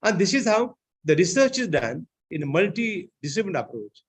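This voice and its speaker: A man giving an online seminar lecture, often filling pauses with "I think, you know". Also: sits high, big pitch swings, slightly rough. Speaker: seminar speaker.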